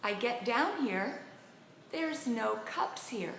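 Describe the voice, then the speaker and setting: A middle-aged woman hosting a live video as a relationship coach, telling everyday stories in a casual, animated way and greeting viewers by name. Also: takes it slowly, gravelly. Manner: animated, acts out quotes with pitch jumps and laughs. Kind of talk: casual live-stream storytelling. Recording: echoey room with faint noise.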